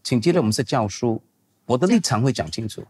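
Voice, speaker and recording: Husky older man, pastor answering questions. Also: medium pitch, lively intonation, fast, darkish tone. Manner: conversational, digressive, emphatic. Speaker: pastor and seminary teacher.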